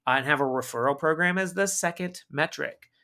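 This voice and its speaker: This man's voice sits on the high side, and his pace is brisk. Interviewed on a podcast as a guest marketing expert, he talks with energy and emphasis, regularly closing a point with "right?"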